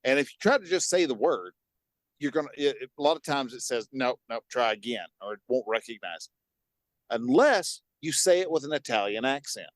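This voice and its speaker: A man co-hosting a podcast in casual chat, animated and quick to laugh. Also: medium pitch, no echo. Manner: animated, laughs often, jumps between topics. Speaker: podcast co-host.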